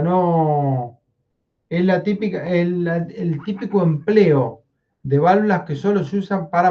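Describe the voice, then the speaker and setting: A man's voice: fairly high pitch, mellow, muffled recording. A man giving a technical lecture, often checking in with "¿sí?". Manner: explanatory, checks in with frequent "¿sí?". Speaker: university lecturer.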